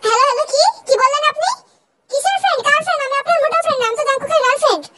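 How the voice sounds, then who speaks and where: A dramatic, jilted young ex-girlfriend, voiced by a woman in a comic fan dub. She speaks very high and loud, repeating herself over the phone. Faint hiss sits behind her. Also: rapid-fire. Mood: whiny.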